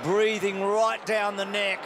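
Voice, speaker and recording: A man's voice: high voice, level tone, slow, heavy background noise. A man commentating live football, emphatic and full of praise. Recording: broadcast commentary over a loud crowd.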